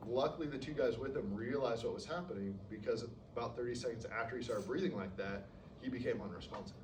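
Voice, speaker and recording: A man's voice: medium pitch, fast talker. A male instructor giving a casual classroom lecture, often checking in with "okay?" and acting out patients. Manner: casual, peppers sentences with "okay?", acts out patients. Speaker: respiratory therapy instructor. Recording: roomy, distant classroom recording with noise.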